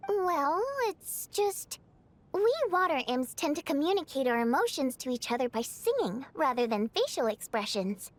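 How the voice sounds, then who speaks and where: A gentle young water imp in a video game, polite and earnest with a teasing edge. Her voice sits high and swoops lively through each line. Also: normal speed.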